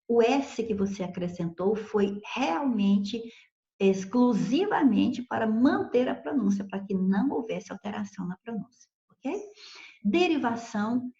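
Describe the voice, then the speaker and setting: A woman's voice: fairly high pitch, lively intonation, a little slow, vocal fry, warm tone, echoey room, highs cut off. A woman teaching grammar in a recorded video lesson, explaining patiently and checking in with "ok?" and "certo?".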